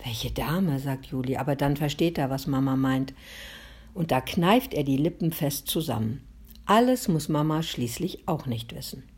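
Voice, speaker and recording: A woman reads a children's storybook aloud in a calm, gently expressive manner. Her voice is notably low for a woman. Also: normal speed, husky. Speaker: narrator. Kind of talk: storybook reading.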